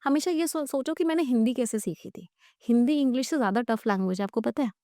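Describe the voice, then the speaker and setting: A woman's voice: on the high side, fast, warm tone, no echo, clean studio sound. A woman English teacher in a podcast interview, explaining tips step by step and spelling long words out letter by letter.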